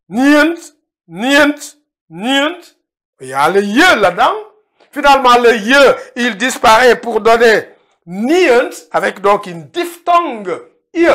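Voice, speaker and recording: Middle-aged man teaching a language class, slow and repetitive, voice bouncing up and down a lot. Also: high-pitched, fairly bright tone. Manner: scolding then explanatory, repeats words slowly. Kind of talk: lecture-style language lesson. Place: indoor room, filmed by a cameraman.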